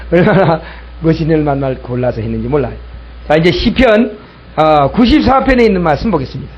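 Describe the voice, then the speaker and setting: A man's voice: a little high, expressive, normal speed, muffled recording, slight background noise. A male pastor preaching a sermon, telling a story and acting out both sides of an argument, repeating key lines for emphasis.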